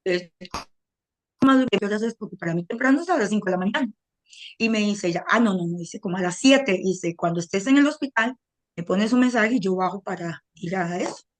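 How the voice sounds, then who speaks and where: A woman's voice: mid-range voice, brisk. A middle-aged woman with a Costa Rican accent, giving an earnest personal testimony and acting out the dialogue she recounts. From Costa Rica. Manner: earnest storytelling with quoted dialogue. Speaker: testimony speaker.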